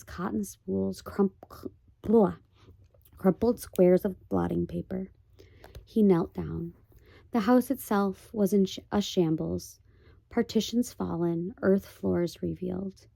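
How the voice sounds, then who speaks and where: Gravelly-voiced woman reading a storybook. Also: mid-range voice, no room sound. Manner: gentle, with chatty asides and restarts. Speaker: storybook reader. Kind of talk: reading a children's novel aloud.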